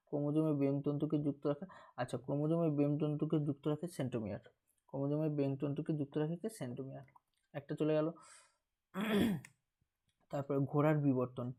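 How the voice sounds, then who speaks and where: A man's voice: a little high, dark tone. A man with a Bengali accent working through an exam paper as a teacher, repeating key terms and asking and answering his own questions. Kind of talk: exam paper walkthrough lesson.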